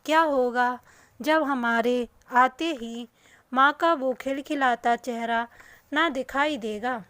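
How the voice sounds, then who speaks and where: A woman narrating an emotional family story in the first person, in a slow, soft and sorrowful reading. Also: high voice, no room sound.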